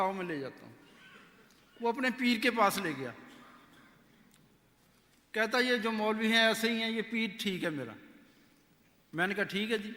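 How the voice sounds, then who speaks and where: A man telling his personal conversion story in a lively, anecdotal way, acting out the dialogue. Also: high voice. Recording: echoey hall with long reverb.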